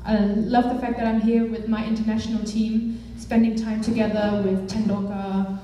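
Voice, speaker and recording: The speaker is a young German woman, a campaigns director, giving an earnest, filler-heavy speech before a live audience. Her medium-pitched, warm voice is flat and moderately paced. She sounds distant in a large, echoing hall, with slight background noise.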